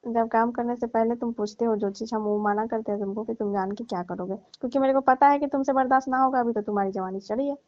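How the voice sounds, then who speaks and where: Heard over dry, dull lo-fi phone-call audio, a middle-aged woman in a comic call teases coyly and scolds playfully in casual chat. Her slightly high, a little mellow voice keeps fairly even intonation and runs fast, with hardly any pauses.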